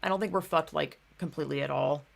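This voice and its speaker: Young woman venting on her vlog, low gravelly voice, cusses a lot, says like and dude constantly. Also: fast. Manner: heated, swears often, fills speech with "like" and "dude". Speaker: vlogger. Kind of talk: casual ranting monologue.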